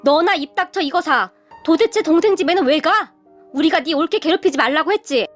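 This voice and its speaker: A woman voicing a sharp-tongued older mother-in-law who scolds her daughter. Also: sits high, fairly quick, faint music behind. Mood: scolding. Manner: scolding, exasperated.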